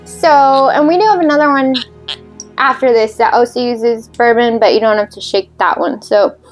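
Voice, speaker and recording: A woman's voice: on the high side, moderate pace, faint music behind. A woman hosting a cocktail video, talking casually and rambling with fillers while she mixes drinks. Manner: chatty, rambling, self-deprecating with fillers.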